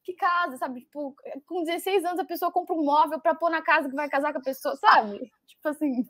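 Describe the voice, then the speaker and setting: High-voiced young woman telling a story. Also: fairly quick, no room sound, clean studio sound. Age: young adult. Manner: animated, laughs often, many fillers. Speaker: guest storyteller. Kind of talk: casual storytelling.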